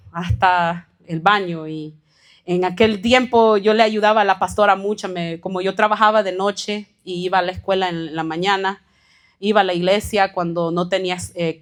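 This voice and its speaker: A woman pastor giving a sermon testimony, telling her story earnestly and acting out what others said. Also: fairly low pitch. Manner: earnest storytelling with warm laughs and acted-out quotes. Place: church.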